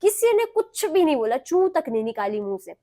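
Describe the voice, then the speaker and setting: A young adult woman from Himachal Pradesh, a guest on a talk show, telling a personal story in an animated way and acting out what others said. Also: high voice, a little fast. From Himachal Pradesh, India. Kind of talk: recounting a personal story in an interview.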